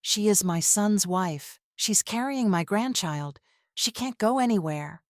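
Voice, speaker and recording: A woman's voice: mid-range voice, expressive, unhurried, no echo, studio quality, voice pushed up, lightly acted. A woman voicing a scheming older mother-in-law in a narrated family drama, begging and possessive.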